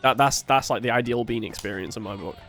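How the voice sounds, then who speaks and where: A man co-hosting a casual game playthrough, telling stories in an animated way, swearing, laughing and often tripping over his words. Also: medium pitch, fast, faint music behind. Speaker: co-host of a gaming playthrough. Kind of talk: casual chat over gameplay.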